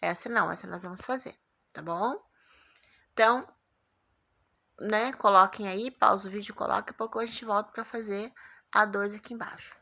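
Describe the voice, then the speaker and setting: A woman's voice: medium pitch, fairly even intonation, moderate pace, creaky, pauses often, sharp tone. A woman with a Brazilian Portuguese accent teaching a primary school class in a recorded remote lesson, patient and coaxing, checking in often with her pupils.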